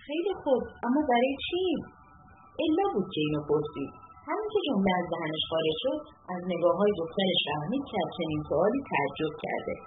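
Expressive woman narrating a story. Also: on the low side, echoey room, noisy background. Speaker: audiobook narrator. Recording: tinny lo-fi audiobook with music.

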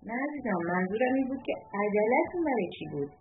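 A worried middle-aged mother speaks slowly and deliberately, picking her words, played by a woman narrator. The voice moves expressively, and the thin, phone-like sound carries music underneath. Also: a little high, lively intonation, background noise, voice pushed up, natural voice. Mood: careful. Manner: measured, choosing words carefully. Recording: tinny lo-fi audiobook with music.

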